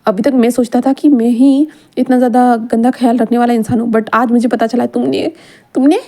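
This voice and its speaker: A woman with a high, soft voice plays a stubborn, flustered young man from a read-aloud fan story. He protests and trips over his words, half playful and half embarrassed. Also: fairly even intonation, fairly quick. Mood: flustered, protesting. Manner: protesting, stammering.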